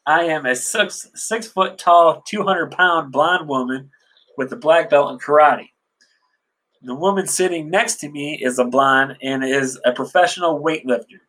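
Man voicing a deep-voiced, husky, imposing woman with a firm, warning tone, read in his own fairly high voice. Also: fairly bright tone, close to an everyday voice. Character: towering tough woman issuing a warning.

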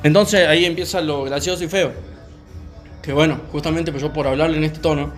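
Young guy w rioplatense accent, bit high voice, chill and slow, lots of ehs, faint music behind. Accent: Rioplatense Spanish. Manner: calm, unhurried, many fillers. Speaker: podcast co-host. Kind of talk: casual storytelling chat.

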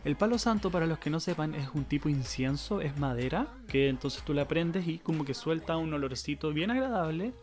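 A man's voice: on the high side, lively intonation, fairly quick, few pauses, a little mellow, soft background music. A young Chilean man with a Chilean accent, telling a rambling story in casual podcast chat, full of slang and swearing. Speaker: podcast host.

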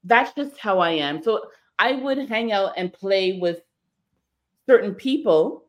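A woman co-hosting a podcast, talking casually and candidly in quick bursts. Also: mid-range voice, animated. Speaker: podcast co-host.

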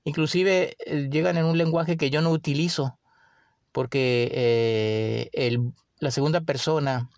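A man with a Mexican accent hosting a podcast, musing in a relaxed way with many pauses and fillers. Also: on the high side, no room sound. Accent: Mexican Spanish. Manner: unhurried, with frequent fillers and restarts. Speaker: podcast host. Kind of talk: casual reflective monologue.

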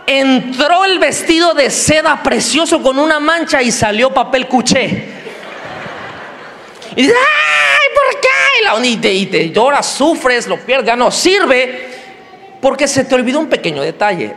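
A man with a Mexican Spanish accent preaching a sermon, animated and joking, sometimes squealing in a high put-on voice. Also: measured pace. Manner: animated, jokey, acts out squealing characters in a high voice. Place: large church hall. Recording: long hall reverb.

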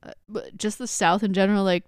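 A young woman co-hosts a laid-back history podcast. Her voice is smooth and clear, recorded close and dry. She rambles with plenty of fillers and casual swearing. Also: mid-range voice, level tone, fast talker, no echo. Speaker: podcast co-host.

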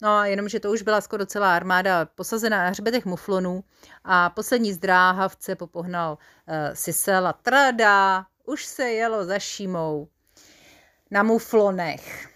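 A woman reading a children's story aloud in a playful, expressive, confiding way. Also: medium pitch.

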